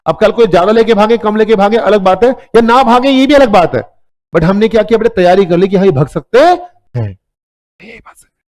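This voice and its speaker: A man's voice: sits high, animated, fairly quick, darkish tone. A man with an Indian accent teaching an accounts class, mixing Hindi and English, joking with his students and calling them "beta". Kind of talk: classroom lecture.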